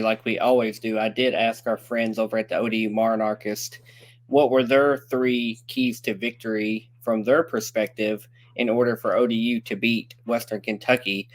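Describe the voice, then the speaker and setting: A man with a mid-range voice hosting a casual sports podcast. He talks steadily and keeps the show organized, moving from one segment to the next. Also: medium pitch. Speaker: podcast co-host.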